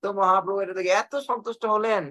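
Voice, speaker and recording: A man's voice: sits high, fairly even intonation, quick pace, bright, forceful tone, rough recording. A man giving a fervent devotional sermon on a video call, retelling stories with repetition and acted quotes. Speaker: preacher.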